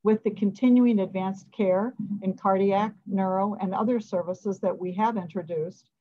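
A middle-aged woman, a hospital president, giving prepared remarks at a media briefing over a video call from an office, measured and formal. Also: mid-range voice, steady tone, warm tone. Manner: measured, formal, reading from notes. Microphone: video call webcam. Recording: dull lo-fi video call audio.

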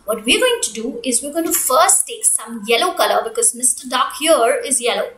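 A young woman presenting like a kids show host, coaxing small children in an animated, repetitive, sing-song way. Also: sits high, moderate pace, a little hiss or hum. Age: young adult. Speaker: preschool storytelling teacher, kids show host. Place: small room indoors. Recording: echoey room.

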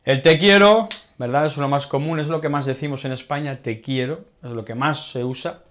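A man from Spain with a Castilian Spanish accent who teaches Spanish vocabulary. He speaks slowly, repeats words, checks understanding with short tag questions, and writes on a board as he explains. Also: mid-range voice, fairly even intonation.

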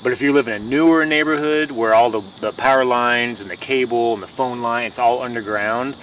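A man's voice: mid-range voice, steady tone, brisk, a bit bright. A young man in his twenties giving a rambling, folksy how-to talk about lawn care while crouching in his backyard, restarting his sentences often. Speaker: home lawn care vlogger. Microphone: camera mic on a tripod some distance away. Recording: distant camera mic outdoors with faint insect noise.

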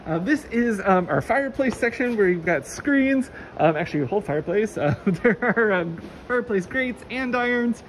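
A woman's voice: mid-range voice, animated, moderate pace, few pauses. A woman casually guiding a walking tour through a large warehouse, chatty and enthusiastic with many fillers. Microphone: handheld phone camera, walking. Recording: noisy warehouse ambience.

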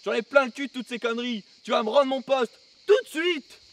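A man's voice: very high voice, fairly quick. A man playing an angry former boss who wants his job back, in an amateur comedy film with music underneath.

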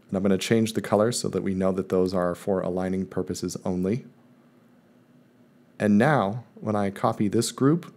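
A man calmly walking viewers step by step through a screen-recorded software tutorial, in voice-over. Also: low voice. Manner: calm step-by-step explaining. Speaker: math teacher presenting a tutorial. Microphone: voice-over recorded over screen capture.

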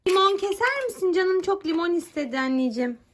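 A mother plays pretend with her young son, chatting playfully and coaxing him along with simple, encouraging questions. Her voice is extremely high, expressive, a bit bright, and fairly quick.

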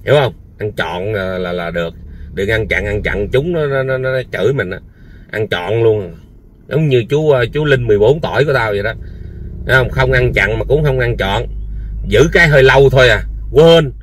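A man's voice: moderate pace, a little hiss or hum. Scolding man in a heated rant. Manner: scolding, repetitive, rhetorical questions; soft low-key product pitch. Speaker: online commentator. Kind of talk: heated personal rant to camera.

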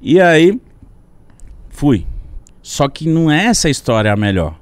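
A young man tells a story on a podcast in an animated, slangy way, swearing freely. His voice sits fairly high and swings widely in pitch. The sound is dry and close to the mic. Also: a little slow, no echo. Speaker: podcast guest. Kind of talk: casual storytelling. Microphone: studio podcast mic.

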